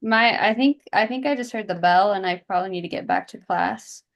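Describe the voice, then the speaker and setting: A woman's voice: medium pitch, fairly quick, creaky. A woman chatting casually as a student role-play partner, agreeable and a little tentative in giving feedback. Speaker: student playing the client in a practice role play. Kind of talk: casual peer chat and feedback.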